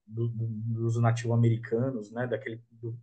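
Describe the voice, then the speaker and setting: A man with a husky, slightly breathy voice, speaking as a podcast guest. He thinks out loud in a relaxed, reflective way and keeps checking in with his listener. His pitch sits in an ordinary middle range. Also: normal speed, highs cut off, faint music behind. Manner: reflective, tags thoughts with 'né?'. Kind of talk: casual podcast conversation.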